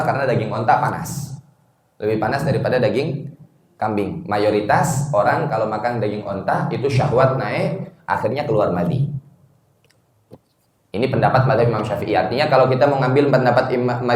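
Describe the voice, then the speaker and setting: A male Islamic teacher giving a study lecture to a congregation, telling stories in a lively, slangy way, chuckling and chanting Arabic quotations slowly. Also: medium pitch. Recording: echoey room.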